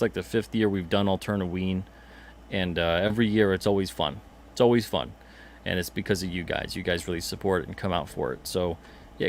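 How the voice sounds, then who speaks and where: A man hosting a casual livestream, chatting loosely, repeating himself and reading out viewer comments. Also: on the low side. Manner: chatty, rambling, repeats himself, reads chat comments aloud. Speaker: podcast host and comic publisher.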